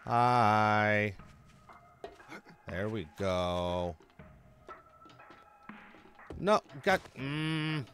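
Man, gaming channel host, relaxed slow delivery, chatty let's-play commentary, faint music behind. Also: lowish voice. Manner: chatty, talks to himself and the enemies, swears when hurt.

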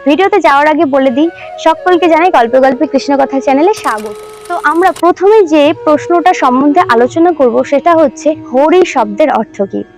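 A woman hosting a devotional channel, earnestly explaining religious terms and slowly reciting Sanskrit verses. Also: high-pitched, darkish tone. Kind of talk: religious teaching talk. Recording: faint background music.

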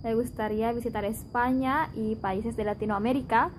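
A woman's voice: on the high side, steady tone, a little hiss or hum, rough recording. Young Indonesian woman speaking careful Spanish. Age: 20s. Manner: careful, thoughtful learner's speech with pauses. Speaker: interviewee, Spanish teacher. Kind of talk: casual interview answers.

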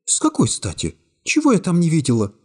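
A man voicing a young woman secretary with a high, breathy voice, first cool and cynical, then tearfully devoted, in an audiobook. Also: huge pitch swings, a little fast. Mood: cool, detached. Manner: cool and matter-of-fact, then gushing.

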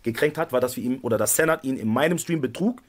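A man's voice: medium pitch, fast. A man commenting on a stream clip, insistent and accusing.

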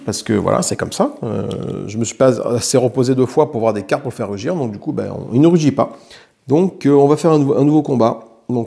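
French guy muttering through a solo board game, super gravelly voice, counting dice half to himself. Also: mid-range voice, mellow. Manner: thinks aloud, mutters, counts dice, swears lightly. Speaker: board game player narrating his solo play.

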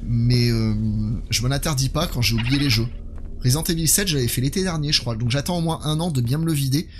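A man's voice: mid-range voice, quick pace, noisy background. A man livestreaming a horror game, chatting with his viewers as he comments. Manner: chatty, talks to his audience. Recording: music playing behind the voice. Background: game music.

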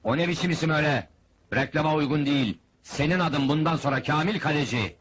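A man's voice: fairly high pitch, quick pace, fairly bright tone, lightly acted. An actor playing a stingy, scheming showman boss in a 1970s film comedy, talking like a brash huckster and barking sales patter at the crowd. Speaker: fairground penalty-game boss.

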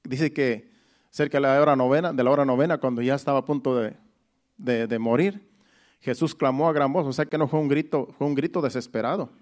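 A man's voice: mid-range voice, a little fast, darkish tone. A man preaching a Sunday sermon. He explains each verse step by step, restating it in plain words and often repeating phrases.

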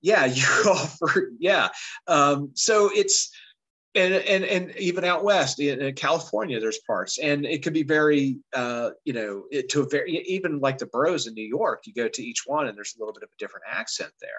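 A man's voice: fairly high pitch, animated, normal speed, fairly bright tone, husky, low-quality recording. A man from West Virginia teaching a casual grammar lesson in a conversational, rambling way. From West Virginia, United States.

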